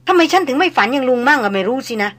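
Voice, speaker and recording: A woman's voice: sits high, very animated, racing, fairly bright tone, voice pushed up. A woman voicing a frightened male hunter who complains nervously. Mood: fretful.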